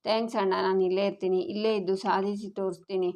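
A kind young woman speaks softly and apologetically, as a woman reads her lines. The delivery is level, with a narrow pitch range. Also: little pitch movement, quick pace, natural voice. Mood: tender.

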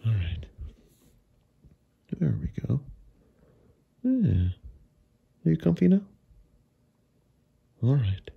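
A man filming his cat at home and talking to it in soft, doting baby talk, often dropping to a whisper, recorded on a handheld phone in a carpeted basement. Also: mid-range voice, very animated, extremely slow, vocal fry, pauses often, slightly rough, narrow, tinny audio. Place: carpeted house basement, indoors. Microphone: handheld phone camera.

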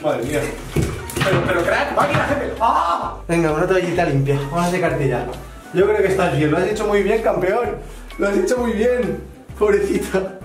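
A young man with a high-pitched, brisk voice vlogs at home, gently soothing and coaxing a pet in the bathroom and occasionally bursting out in pleas. The distant mic picks up a roomy echo with music playing behind him.

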